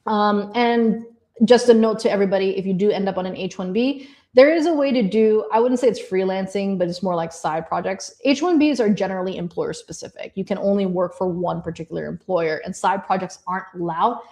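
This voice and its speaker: A woman's voice: medium pitch, a little fast, darkish tone. A woman who grew up in Indonesia, giving an encouraging presentation on visas to designers, speaking to the audience in a friendly, direct way. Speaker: immigration advisor presenting to designers. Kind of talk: presentation talk.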